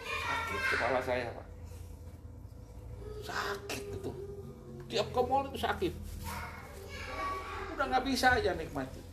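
A man's voice: sits high, measured pace, long pauses, over music. A middle-aged man, a guest in an interview, emotionally recounting a personal story. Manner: emotional, animated retelling with rising outbursts.

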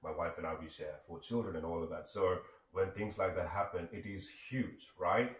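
A Sri man with a low, deep voice speaks as a guest, earnest and reflective. He sounds set back from the microphone, and the room around him is echoey. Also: normal speed. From Sri Lanka. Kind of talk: reflective conversation. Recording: echoey room, distant mic.

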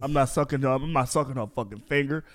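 A man hosting a casual podcast, joking loudly and swearing constantly. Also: mid-range voice, quick pace. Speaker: podcast host. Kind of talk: casual profane banter.

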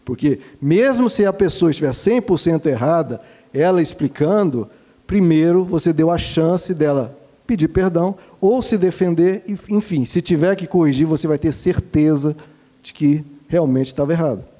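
A man, a father giving gentle, instructive parenting advice and warmly addressing his listeners. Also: a little high, normal speed. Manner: gentle and didactic, calls listeners "dear ones". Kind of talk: earnest advice talk to listeners.

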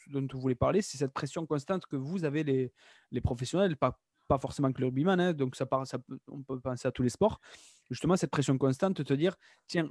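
A man's voice: mid-range voice, darkish tone, dry recording, studio quality. A man hosting a casual chat, talkative and repeating words while he hunts for the right one. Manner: chatty, repeats himself while searching for words. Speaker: podcast host, teacher.

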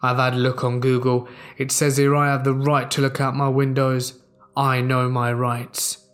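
A man voicing a rude, defiant middle-aged neighbor who talks in a slow, stubborn, flat way. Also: mid-range voice, natural voice.

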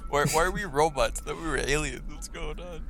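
Man, podcast co-host, dry deadpan delivery, gravelly. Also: a little high, brisk, soft background music. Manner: dry, deadpan, sounds bored. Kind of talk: casual chat.

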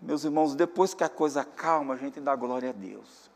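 A pastor preaching a sermon, earnest and preacherly, mixing personal family stories with calls to pray. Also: male voice, mid-range voice, normal speed. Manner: earnest, preacherly, repeats "meus amados irmãos". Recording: long hall reverb.

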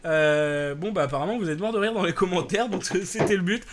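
A man's voice: sits high, fairly quick, noisy background. A young man hosting a live stream talk show, hesitant, thanking viewers and laughing between remarks. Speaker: host.

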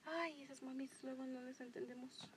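A woman chatting casually as co-host, animated and acting out quotes. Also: high voice, normal speed, background noise. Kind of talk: casual chat.

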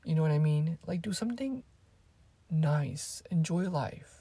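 An eighteen-year-old vlogger whose first language is Spanish chats casually with her viewers, rambling and drifting off topic. Her voice is low-pitched and dark with a breathy edge, and she speaks unhurriedly with lively intonation. There's no echo.

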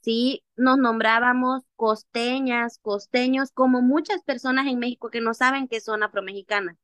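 In a dry recording, the young activist from Mexico's Costa Chica speaks with a slightly high voice at a moderate pace. As an interview guest she recounts her personal story with animation, voicing remembered dialogue in her Costa Chica Mexican Spanish accent.

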